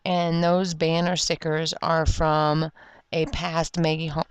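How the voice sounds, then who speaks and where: A scrapbooking video creator from Florida chats casually through a tutorial at her craft table, rambling and correcting herself while she has the hiccups. Her voice sits low and is clear and resonant, with a flat, slow delivery and no echo.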